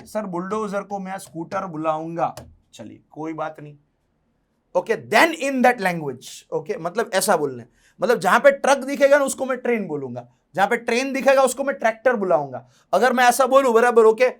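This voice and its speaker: A young man teaching an exam-prep lesson in a casual, joking way, slowing down to read questions aloud. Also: high voice. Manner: chatty, jokey, slows down to read English questions aloud.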